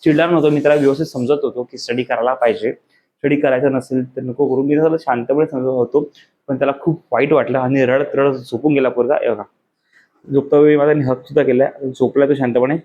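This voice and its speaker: A man's voice: mid-range voice, steady tone, a little fast, mellow, dull audio. A man in his thirties, a father talking casually to his vlog camera at home at night. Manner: coaxing, soothing talk to a child. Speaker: vlogger, father.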